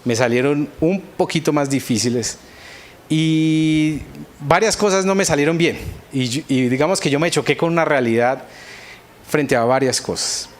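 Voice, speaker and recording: A man's voice: fairly high pitch, moderate pace. A man with a Colombian accent preaching a sermon, telling a personal story and acting out his own past prayers with earnest feeling. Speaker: pastor.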